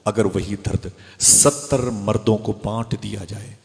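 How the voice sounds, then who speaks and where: A man with a fairly low voice delivers an emotional religious sermon to a live gathering. He storytells with passion, rising to high cries and sinking to hushed tones. His voice rings with the long reverb of a big hall. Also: fairly even intonation, measured pace, gravelly. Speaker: Islamic preacher.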